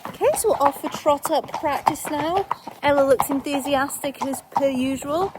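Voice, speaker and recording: Chatty young woman, high voice. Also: moderate pace, noisy background. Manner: chatty, upbeat, rambling with fillers. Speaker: vlogger. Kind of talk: casual vlog narration. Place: horse stables, indoors and out.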